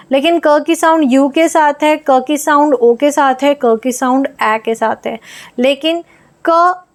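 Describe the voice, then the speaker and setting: A woman teaching English reading in a lesson, patiently sounding out letters one at a time. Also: sits high. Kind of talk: explaining phonics lesson.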